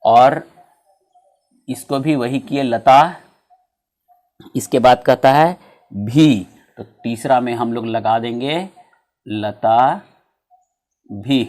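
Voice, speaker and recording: A man teaching Sanskrit grammar in a video lesson, slowly reciting word forms and often stopping to check that viewers follow. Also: medium pitch, darkish tone. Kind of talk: classroom-style video lesson.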